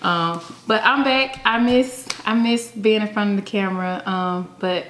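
A woman's voice: medium pitch, unhurried, fairly bright tone. A woman chatting casually through a food-tasting vlog in an upbeat, chatty way, with plenty of fillers. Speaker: vlogger. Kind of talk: casual mukbang chat. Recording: echoey room with faint hiss.

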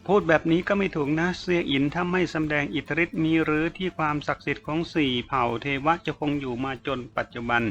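A man voicing a calm, self-assured martial arts master who speaks evenly in a deep voice low in the throat, on a dull lo-fi recording. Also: slight background noise. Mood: easygoing. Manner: even and unhurried. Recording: dull lo-fi audio.

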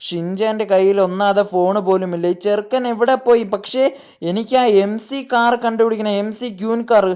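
A woman's voice: mid-range voice, fairly even intonation, normal speed, a little mellow, clean tone. A woman giving dramatic, exclaiming gameplay commentary in character, constantly talking to her viewers. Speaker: gaming YouTuber.

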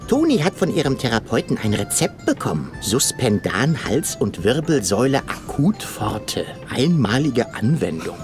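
Rufus, a cheeky hero. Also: male voice, mid-range voice, huge pitch swings, normal speed, few pauses, music in the background. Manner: cheeky, mocking. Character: cocky sarcastic young male hero. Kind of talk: game voice acting.

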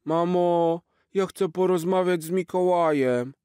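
A man voicing an eager, hopeful little boy in a children's storybook, with a high childlike pleading voice. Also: measured pace, dark tone, clean tone, dry recording, clean studio sound. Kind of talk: storybook character voice.

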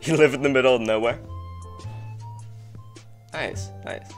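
Soft music plays behind a young man from England who joins a podcast by video call for a casual chat. He speaks at a measured pace in a medium-pitched voice, rambling, leaning heavily on "like," and laughing frequently.

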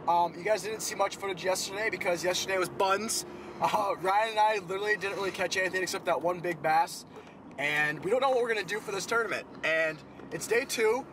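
Hyped young man with a high voice. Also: noisy background. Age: young adult. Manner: excited, hype, calls viewers "boys". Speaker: fishing vlogger. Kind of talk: casual vlog chat. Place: in a truck and out on a frozen lake. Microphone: camera on the dash or held at arm's length.

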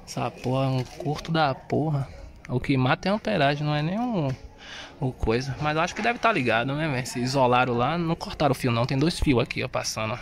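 This mid-range male voice has lively intonation and a quick pace. He's a Brazilian-accented man working on a car's wiring while installing its sound system, thinking aloud in casual, slangy DIY narration captured on a phone inside the car.

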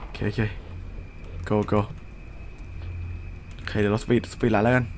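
A man's voice: on the low side, flat delivery, slow pace, a little mellow, a little hiss or hum. A young man streaming a horror game, muttering to himself as he plays and letting out sudden startled yelps. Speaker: gaming streamer. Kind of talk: live horror game commentary.

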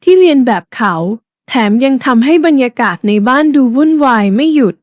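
Woman storyteller, bedtime story narration, high voice, steady, dry close recording. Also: a little fast, dry recording.

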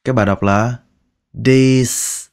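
In this slow pronunciation drill, a low-voiced man who teaches English takes his time, stretching out sounds and saying each word again slowly. His manner is patient and coaxing, and he closes his phrases with soft particles.

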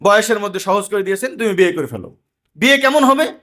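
A man's voice: sits high, expressive, quick pace, bright, forceful tone. A man preaching an emphatic sermon to a gathering, telling everyday anecdotes.

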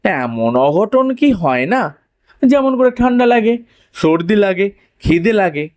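A man narrating a humorous story in a measured, playful way. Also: on the high side, darkish tone.

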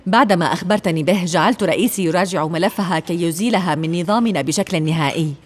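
A woman's voice: lowish voice, fast talker, natural voice. A woman playing a kind social worker. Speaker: social worker who adopts a boy. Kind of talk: dubbed drama acting.

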